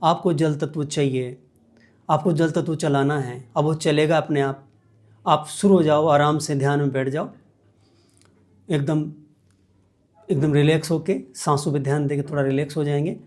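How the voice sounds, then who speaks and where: A man's voice: a little high, steady tone, normal speed, pauses often, a little mellow. A man teaching meditation as a guest, explaining each step patiently and repeating key points. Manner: patient, repetitive step-by-step instruction.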